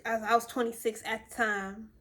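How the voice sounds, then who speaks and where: A woman's voice: fairly high pitch, level tone, normal speed, fairly bright tone. Chatty young woman telling a story. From Virginia. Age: 20s. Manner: rambling and chatty, with many fillers. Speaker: vlogger. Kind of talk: casual storytime.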